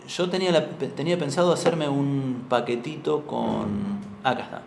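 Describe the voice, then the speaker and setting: A young man with an Argentine Spanish accent teaches an informal university class, explaining patiently and often asking students whether they agree. His mid-range voice has vocal fry and a slightly mellow quality at a moderate pace. A far room microphone captures him in a very echoey room with slight background noise.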